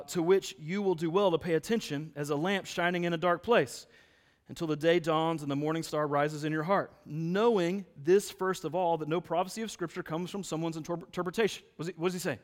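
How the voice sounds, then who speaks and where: A man's voice: a little high, brisk. Preaching man in a reverberant hall. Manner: preaching with rising emphasis and rhetorical questions. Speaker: pastor. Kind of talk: sermon.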